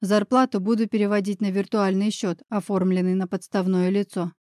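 A woman voicing a calm middle-aged man who speaks in a measured way and often sighs. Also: medium pitch, dry recording, studio quality, close to an everyday voice. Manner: sighing, measured.

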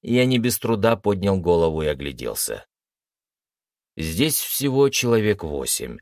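A man with a low voice narrates a first-person story in an expressive, lively reading. His pitch rises and falls a great deal, and the recording is close and dry with no room sound. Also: dry recording. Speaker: audiobook narrator.

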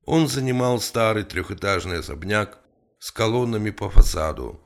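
A male narrator reads an audiobook in a measured, steady way. His voice is low and carries a gravelly texture. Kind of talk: scripted narration.

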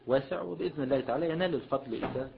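A sheikh with an Egyptian accent teaches Islamic jurisprudence, blending classical and colloquial Arabic and frequently prompting listeners with a questioning "what?". His medium-pitched voice races along with vocal fry. The lecture recording is dull and lo-fi, with a little hiss or hum.

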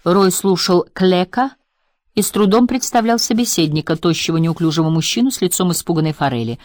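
Brief: female audiobook narrator, lower pitch, steady measured delivery. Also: dry recording. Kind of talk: scripted narration.

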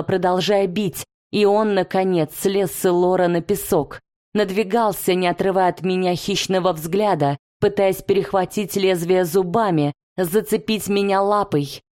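A woman's voice: medium pitch, a little mellow. A woman narrating a first-person fantasy audiobook with intense, dramatic delivery.

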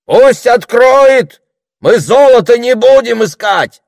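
A man voicing a threatening young male armed raider in an audiobook, loud and menacing. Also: sits high, big pitch swings, slow pace, gravelly, dry recording, clean studio sound, voice pushed up, full character voice.

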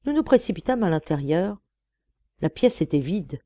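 A woman reading an audiobook in steady, measured narration. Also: lowish voice, no room sound. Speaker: audiobook reader. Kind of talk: scripted narration.

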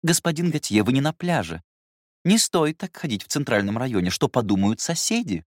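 A man's voice: medium pitch, sing-song, fairly quick, no room sound, studio quality, voice pushed up. A man voicing a prim, strict woman housekeeper who talks in a formal, reproachful, fussy way. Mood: fussy scolding.

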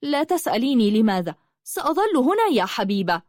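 A woman's voice: fairly high pitch, sing-song, a little fast, a little mellow, no echo, studio quality, pitched above the performer's own voice. A woman voicing a timid young girl in a storybook who speaks nervously. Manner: nervous, refusing.

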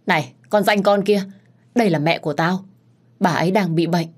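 A woman voicing a pushy young daughter who shouts and scolds. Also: medium pitch, normal speed, voice pushed up, natural voice. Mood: angry shouting.

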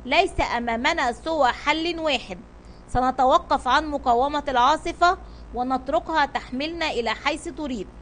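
A woman voicing a brave male sea captain who shouts commands in a children's storybook reading. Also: high-pitched, moderate pace, a little hiss or hum, close to an everyday voice. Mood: steady.

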